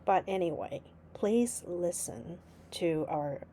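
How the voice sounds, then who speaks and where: A woman hosting her own podcast, speaking haltingly with many fillers over a call. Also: on the low side, animated, dark tone, a little hiss or hum. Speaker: podcast host. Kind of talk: podcast interview.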